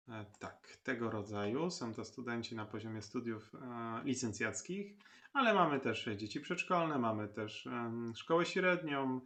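A man with a gravelly, mid-range voice guides the listener through an online course setup. He speaks at an unhurried pace with frequent filler sounds, as in a recorded lecture tutorial. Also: mid-range voice, a bit bright. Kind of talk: screen-recorded platform tutorial.

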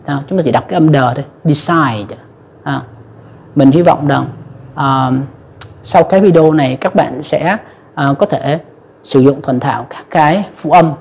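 A woman's voice: low-pitched, moderate pace, vocal fry, a little mellow, husky. A woman teaching English pronunciation to viewers, patiently explaining step by step with frequent fillers. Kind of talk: pronunciation lesson.

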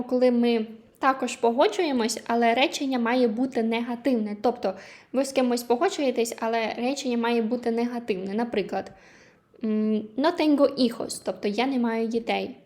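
Woman language teacher, slightly high voice, patient and clear, repeats each example for learners. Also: darkish tone. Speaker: Spanish teacher. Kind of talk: online language lesson.

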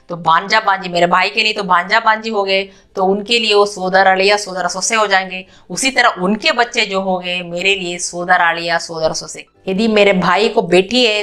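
A woman with a bright, clear voice teaches kinship terms. She explains each word patiently, says it again, and asks the learners if they follow. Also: lowish voice. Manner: repeats each word, checks understanding with the class. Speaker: language teacher.

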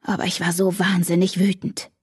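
A woman's voice: fairly low pitch, little pitch movement, a little fast, slightly rough, no room sound, clean studio sound. Woman reading as an intense, angry young man. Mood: brooding.

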